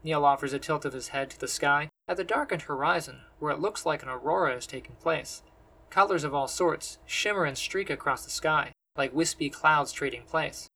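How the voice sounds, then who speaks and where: A man narrating a science-fantasy story in measured, descriptive storytelling. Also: on the high side, vocal fry, pushed and bright, low-quality recording. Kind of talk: scripted fantasy audiobook narration.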